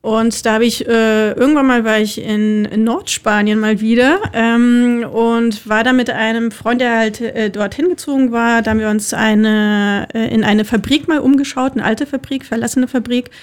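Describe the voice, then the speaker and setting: A woman music producer telling a story in a relaxed, chatty way during a radio interview. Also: a little high, moderate pace, hardly any pauses, smooth. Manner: relaxed, chatty, many fillers. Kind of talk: casual interview talk.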